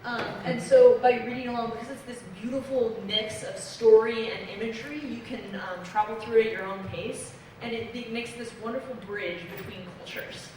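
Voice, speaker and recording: An earnest young woman from Belgium explains her points on a comics panel, pausing often on fillers. Her voice rings through a big convention hall from a distant microphone. A steady wash of crowd noise sits underneath. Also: fairly high pitch. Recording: echoey hall, distant mic, noisy.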